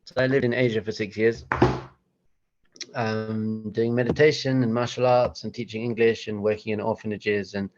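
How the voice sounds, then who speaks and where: A rabbi giving a chatty, self-deprecating motivational talk with slides, breaking into acted-out voices. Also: male voice, on the low side, fairly even intonation, moderate pace, lo-fi sound, background noise.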